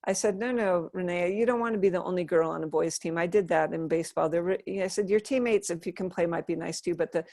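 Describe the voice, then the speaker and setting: A woman's voice: lowish voice, quick pace, few pauses, darkish tone, no room sound, studio quality. A middle-aged woman from Western Massachusetts, chatting and laughing as she tells stories in an interview. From Western Massachusetts, USA. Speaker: interview guest. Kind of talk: casual storytelling.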